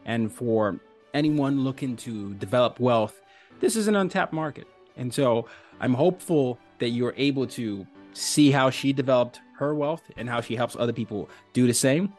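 A man from Nigeria hosting an interview podcast, talking in an animated, conversational way. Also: mid-range voice, normal speed, soft background music. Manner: animated, conversational, with frequent fillers. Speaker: podcast host.

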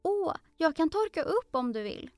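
A woman's voice: very high voice, big pitch swings, no room sound, clean studio sound, faint music behind, voice pushed up, full character voice. A woman voicing Alice, a curious, polite young girl who talks earnestly and eagerly in a storybook. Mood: apologetic.

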